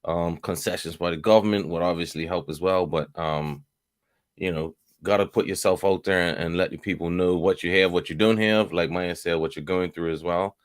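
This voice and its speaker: A relaxed man co-hosts a daily talk show, trading offhand remarks in casual chat. His voice sits fairly low. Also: normal speed.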